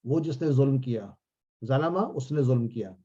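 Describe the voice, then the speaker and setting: A man teaching a class, drilling phrases slowly and quizzing his students. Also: mid-range voice, animated, dark tone, husky, muffled recording. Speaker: Arabic teacher.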